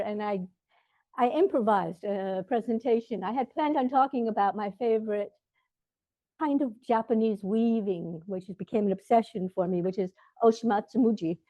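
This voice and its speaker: A woman's voice: a little high, no echo, lo-fi sound. A woman in her sixties giving a self-deprecating, humorous talk at an outdoor garden event. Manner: self-deprecating, wry storytelling. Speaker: vendor and speaker. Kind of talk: humorous presentation.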